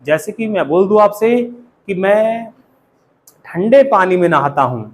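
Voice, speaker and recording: High-voiced Indian English teacher. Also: male voice, animated, measured pace. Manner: asks the class questions and has them repeat. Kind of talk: classroom teaching.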